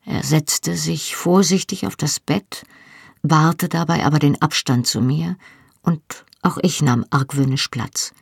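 An audiobook narrator reads a first-person novel in a steady storytelling voice. The tone is husky and the recording is close and dry, with no room around it. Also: mid-range voice, unhurried, dry recording.

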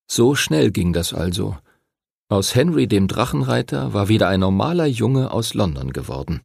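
A man reads a story aloud with expressive, lively intonation. His voice is gravelly and husky, and the sound is dry and close to the mic. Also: on the low side, normal speed, no echo. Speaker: narrator. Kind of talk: audiobook narration.

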